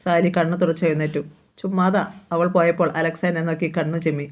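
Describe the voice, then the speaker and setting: A woman reading a novel aloud in a steady, expressive narration. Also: low-pitched, fast talker. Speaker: audiobook reader.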